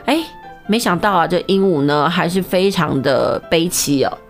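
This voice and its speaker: A woman telling an old tale in a lively, conversational way with many fillers. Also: lowish voice, normal speed, creaky, faint music behind. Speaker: storyteller. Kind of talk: storytelling narration.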